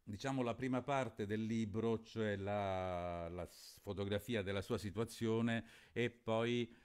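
A man introducing a novel and then reading it aloud, explaining in a halting, thoughtful way with frequent hesitations. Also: fairly low pitch, a little mellow, clear, resonant tone. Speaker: literary reader and presenter.

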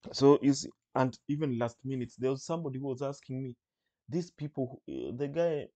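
A male preacher teaching from the Bible, reading verses aloud and slowly repeating phrases to explain them. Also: mid-range voice, expressive, dark tone. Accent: Kenyan.

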